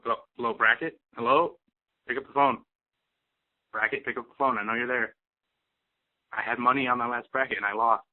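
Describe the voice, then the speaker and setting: A man's voice: medium pitch, fairly even intonation, a little fast, long pauses. Caller on a phone-line voicemail: a man, grumbling and insistent, with a thin, tinny sound. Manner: insistent, grumbling, mock-angry. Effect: heard over a landline phone line.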